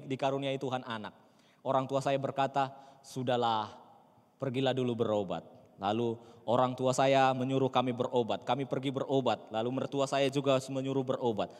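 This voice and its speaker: Pastor preaching in a reverberant church. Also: male voice, mid-range voice. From North Sumatra, Indonesia. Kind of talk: sermon. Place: church sanctuary.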